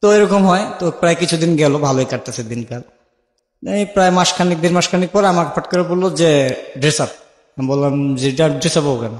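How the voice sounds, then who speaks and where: Speaking fairly fast in a slightly high voice, this Bangladeshi-accented man shares a personal life story in a conversational way. As he narrates, he acts out lines of remembered dialogue, and the audio carries a long, echoing reverb.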